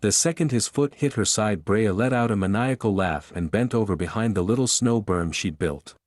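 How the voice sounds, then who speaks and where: A man narrating an audiobook romance in a steady storytelling delivery. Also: lowish voice, normal speed, no room sound, clean studio sound. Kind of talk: scripted narration.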